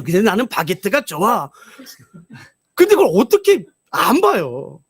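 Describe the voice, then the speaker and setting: A male pastor preaches at a revival, telling stories with animated energy. His voice is very high and swings widely, and it sounds close and dry. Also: no echo. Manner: animated storytelling, acts out voices. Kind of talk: revival sermon.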